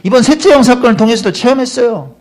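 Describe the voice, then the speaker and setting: A man's voice: very high-pitched, fast talker, darkish tone. A middle-aged male pastor preaching a Sunday sermon at a church service, asking his congregation questions directly.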